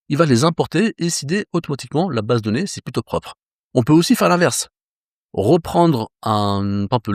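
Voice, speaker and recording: A man's voice: mid-range voice, no room sound, clean studio sound. A man giving a casual screen-share tutorial as a developer trainer, talking conversationally with fillers and self-corrections.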